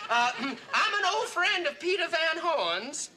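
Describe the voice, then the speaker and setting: A man's voice: extremely high pitch, big pitch swings, a little slow, pitched above the performer's own voice, exaggerated voice. An actor playing a man who fakes a folksy American Southern drawl, hammy and exaggerated, on a noisy old TV soundtrack.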